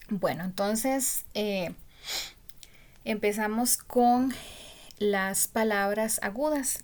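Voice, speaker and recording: A woman teaching a spelling lesson, patient and full of pauses, often checking understanding with a question. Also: mid-range voice. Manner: slow, patient, many pauses and fillers; asks "¿verdad?" to check understanding.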